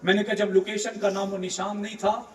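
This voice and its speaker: Male preacher, high-pitched, impassioned sermon, echoey hall, distant mic. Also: little pitch movement. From Pakistan. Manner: rises to impassioned shouting in emotional passages. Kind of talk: emotional sermon storytelling.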